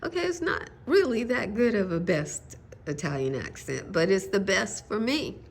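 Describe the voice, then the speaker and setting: A woman's voice: mid-range voice, animated, normal speed, slight background noise. An older woman chatting casually about her garden seeds in a folksy way, with religious asides. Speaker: gardening vlogger. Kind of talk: casual chat.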